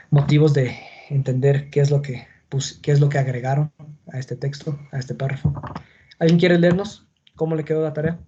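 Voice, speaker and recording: A man's voice: mid-range voice, dark tone, lo-fi sound. A man teaching a class on punctuation, explaining patiently and checking in with his students. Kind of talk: online class on Spanish punctuation.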